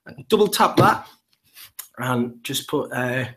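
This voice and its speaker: A man's voice: mid-range voice, lively intonation, unhurried, sharp tone. A man with a Geordie accent, a primary school teacher, walking through an app demo step by step in an upbeat way. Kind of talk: live app demonstration.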